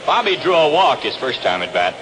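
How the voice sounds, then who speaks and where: An American man calls baseball play-by-play in the manner of a 1960s radio sports broadcast from an outdoor ballpark. His fairly high voice is sing-song and brisk, and the vintage 1962 radio recording is noisy.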